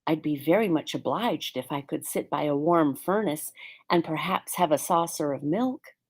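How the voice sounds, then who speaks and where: Storybook old alley cat, female, woman reader: low-voiced, gravelly edge, well-mannered, worldly storyteller. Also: normal speed. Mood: politely grateful. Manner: courteous, storytelling.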